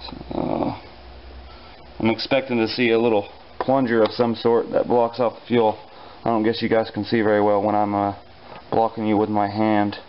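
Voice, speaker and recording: Man, home garage repair tutorial, relaxed dry humor, lots of fillers, faint background noise. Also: on the low side, moderate pace, dull audio. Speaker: repair instructor. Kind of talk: casual hands-on repair tutorial.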